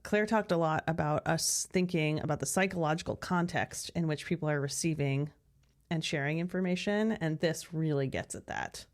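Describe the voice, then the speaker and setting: This is casual podcast talk from a woman co-host whose voice sits low and moves at normal speed. She's thoughtful and chatty, with lots of "like" slipped in.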